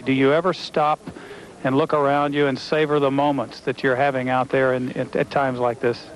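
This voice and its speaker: A man's voice: medium pitch, little pitch movement, normal speed, low-quality recording. A man asking conversational questions as a sports interviewer on an outdoor broadcast. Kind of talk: post-round interview questions. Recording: outdoor broadcast, faint noise.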